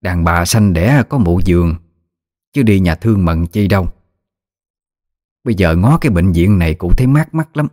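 A man's voice: sits low, animated, normal speed, pauses often, darkish tone. Man voicing a blunt old great-aunt. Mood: blunt, marveling. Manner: blunt, exclaiming, rustic speech.

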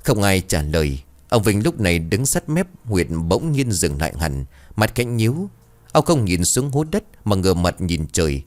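Male horror narrator, low and expressive, dramatic storytelling. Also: moderate pace.

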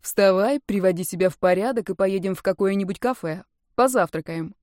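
A woman's voice: medium pitch, a little fast, darkish tone, no echo, lightly acted. Curt young man, dry and matter-of-fact, read plainly in a dry audiobook recording by a woman narrator.

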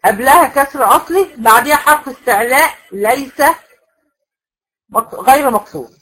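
A woman with an Egyptian accent teaches a recitation class in a slightly high voice. She lays out each rule in careful steps, throwing questions to her women students and answering them herself. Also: lively intonation, normal speed, a bit bright, rough recording. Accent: Egyptian Arabic. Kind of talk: classroom lecture.

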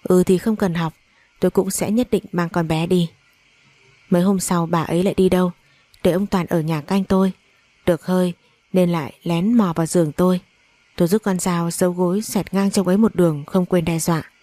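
A woman narrating a first-person story in a measured, emotional way. Her voice is low, mellow and dark, recorded close and dry. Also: fairly even intonation, no echo.

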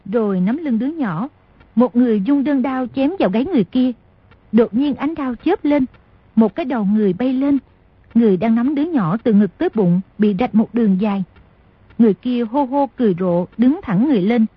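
Very husky woman narrating. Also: a little high, brisk, no room sound. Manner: steady storytelling. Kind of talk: audiobook narration. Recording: dull lo-fi dry recording.

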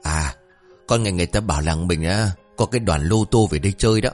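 A man voicing a cheeky, talkative young male villager who speaks in a raised, whiny, excitable voice. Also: deep voice, quick pace, soft background music. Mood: eager.

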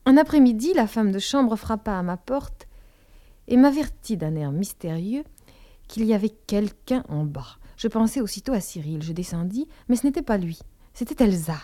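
A woman narrating a literary novel in the first person, measured and intimate, dropping to a whisper in dialogue. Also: mid-range voice, warm tone. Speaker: audiobook narrator.

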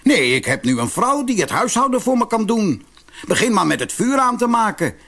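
A man's voice: a little high, big pitch swings, normal speed, a bit bright, husky, pitched above the performer's own voice, heavily acted. A man doing a grumbling, mocking fiddler. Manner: scolding, grumbling. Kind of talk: storybook reading.

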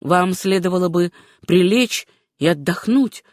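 A gentle young doctor asks caring questions in a soft, solicitous tone, as a woman reads his part in her own voice. The recording is dry and close-miked, like a narrated storybook. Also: lowish voice, lively intonation, unhurried, no echo. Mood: concerned. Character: kind young male doctor, concerned.

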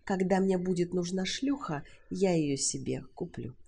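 A woman's voice: fairly low pitch, moderate pace, vocal fry, warm tone, breathy edge. A woman voicing an awkward, prim man who answers stiffly and grows indignant and defensive, in an audiobook reading.

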